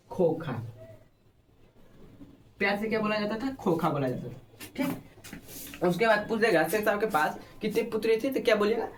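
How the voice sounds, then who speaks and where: Hindi teacher drilling answers aloud. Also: male voice, high voice. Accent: Bihari Hindi. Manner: repeats answers, quizzes listeners. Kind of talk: exam-prep lesson.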